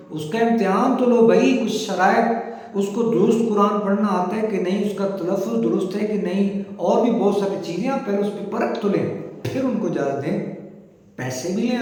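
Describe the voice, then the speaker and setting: A man delivers an exhortative devotional sermon, pressing his listeners with rhetorical questions. His voice sits high for a man. The recording rings with a strong echo and a long reverb tail. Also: a little mellow. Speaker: religious preacher. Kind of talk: devotional sermon to video viewers. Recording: echoey room with long reverb.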